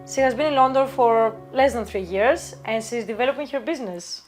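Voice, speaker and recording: A woman hosting an interview, asking prepared-sounding questions in a measured way. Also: a little high, faint music behind. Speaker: interview host.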